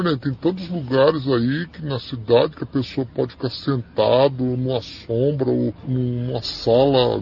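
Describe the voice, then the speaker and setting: A man's voice: medium pitch, gravelly, a little mellow, muffled recording, slight background noise. A man speaking through a voice distortion that hides his identity, talking hesitantly with repeated words and tag questions. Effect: voice distorted to hide identity. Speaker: listener caller. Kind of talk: casual chat.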